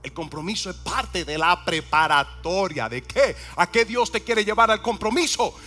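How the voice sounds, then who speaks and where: A man preaching a sermon with a lively voice that climbs high and drops low. His tone is bright and forceful, and he keeps repeating key words and asking the congregation questions. Faint music plays under him. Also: normal speed. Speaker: pastor.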